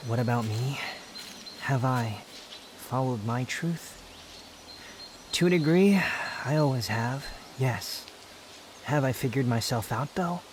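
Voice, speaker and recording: A man playing an aloof, brooding young male wanderer, haughty yet tender, in a measured, pensive roleplay ASMR monologue. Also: mid-range voice, expressive, noisy background. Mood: melancholy. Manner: measured, pensive, dramatic pauses.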